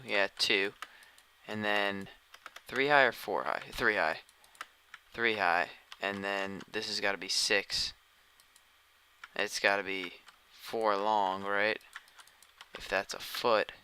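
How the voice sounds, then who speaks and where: A man's voice: fairly low pitch, pushed and bright, smooth. A tired man streaming a game, chatting casually and thinking aloud as he plays. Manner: rambling, thinking aloud while playing. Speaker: gaming streamer. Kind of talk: casual live-stream commentary.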